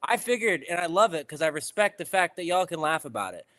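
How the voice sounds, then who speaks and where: A man's voice: on the high side, very animated, quick pace. A man hosting a podcast in casual chat, enthusiastic and chummy, swearing freely. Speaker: podcast host. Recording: crowd noise behind.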